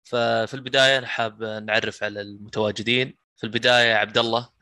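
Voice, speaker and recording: Saudi guy hosting a casual podcast, talks fast, bright crisp-edged voice. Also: on the low side, level tone, dry recording. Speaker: podcast host.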